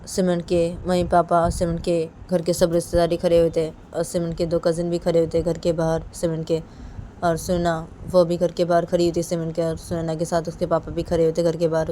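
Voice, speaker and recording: A woman's voice: on the low side, dark tone, a little hiss or hum. A woman narrating a serialized romance story as host of her channel, in a plain, repetitive way.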